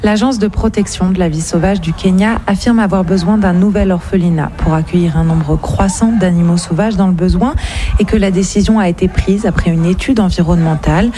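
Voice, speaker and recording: Field reporter lady, low warm voice, bit of background noise. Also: a little fast.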